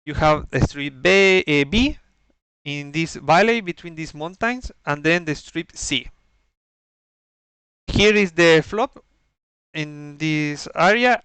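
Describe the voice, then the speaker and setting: A man with a non-native English accent giving an explanatory game briefing in a halting, methodical way, searching for words. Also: fairly high pitch, a bit bright, clean tone, no room sound. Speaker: organizer briefing players on campaign rules.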